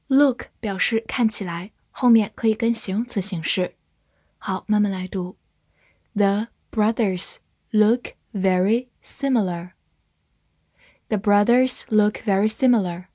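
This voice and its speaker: A woman teaching English vocabulary, spelling each word letter by letter and reading example sentences slowly. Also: medium pitch, a little mellow, no room sound, clean studio sound. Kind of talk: slow, careful vocabulary lesson.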